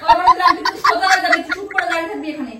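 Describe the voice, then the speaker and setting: Shrill scolding wife, echoey far room. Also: female voice, rapid-fire. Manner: scolding, suspicious, shouting at times. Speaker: wife in prank skit. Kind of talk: scripted comedy prank skit. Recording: echoey noisy room from a distance.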